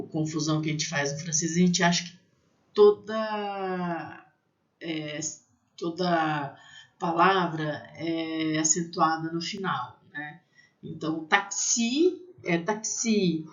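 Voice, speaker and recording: A woman from Brazil teaching technical French to pastry students, spelling out sounds slowly and often checking in with "né?". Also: on the low side, fairly bright tone. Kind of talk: language lesson for pastry students. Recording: slightly dull lo-fi recording.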